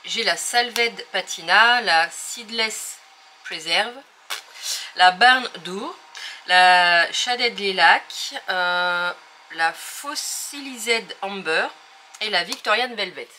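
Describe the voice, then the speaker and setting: A woman's voice: mid-range voice, slow, bright, forceful tone, slight background noise. A woman hosting a casual craft tutorial, talking hesitantly with many fillers as she thinks aloud while working.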